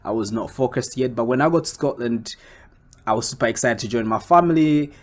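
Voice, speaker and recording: A young man from Congo, a comic book creator, answering interview questions in a casual, animated way that jumps up when he quotes himself. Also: mid-range voice, fairly quick.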